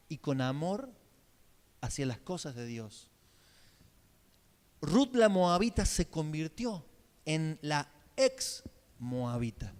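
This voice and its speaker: A man with a Córdoba accent, preaching a sermon as pastor in a chatty style, often checking in with the congregation. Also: fairly high pitch. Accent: Argentine, Córdoba. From Argentina. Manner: conversational preaching with frequent check-in questions. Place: church sanctuary. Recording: long church hall reverb.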